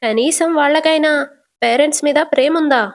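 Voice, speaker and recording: A woman voicing an angry middle-aged father who shouts and lectures his daughter. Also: high-pitched, moderate pace, voice pushed up. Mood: angry scolding.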